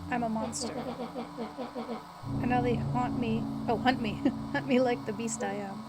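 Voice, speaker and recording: A woman reading the lines of a troubled boy who has turned into a monster, in a low-key read-aloud manner, with loud game music behind. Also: steady tone, measured pace, very noisy, lightly acted. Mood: bitter.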